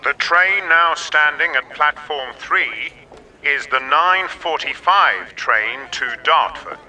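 Bright man calling out stops from afar. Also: on the high side, far from the mic, rough recording. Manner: slow, even listing of stops. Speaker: station announcer in a listening exercise. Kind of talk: scripted station announcement.

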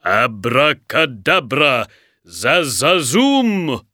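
A man voicing a big magical genie in a storybook reading, who speaks slowly and draws out his spells. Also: mid-range voice, big pitch swings, bright, forceful tone, dry recording, clean studio sound, pitched above the performer's own voice, full character voice. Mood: chanting. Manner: slow, drawn-out incantation. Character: big booming magical genie, slow and grand.

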